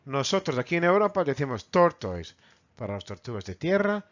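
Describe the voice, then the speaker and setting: A man with a Spanish accent from Spain teaching English vocabulary to children, repeating words slowly and mimicking animal sounds. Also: a little high, big pitch swings, lo-fi sound. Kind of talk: bilingual vocabulary lesson.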